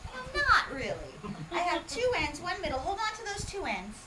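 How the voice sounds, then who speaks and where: A woman from Hawaii performs magic for a small parlour audience, teasing and quizzing them with comic patter. Her voice is very high-pitched and fairly quick, picked up by a distant mic over steady background noise.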